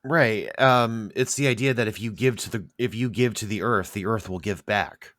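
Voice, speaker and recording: A man in a casual podcast conversation, talking in an agreeable, measured way. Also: on the low side, fairly bright tone.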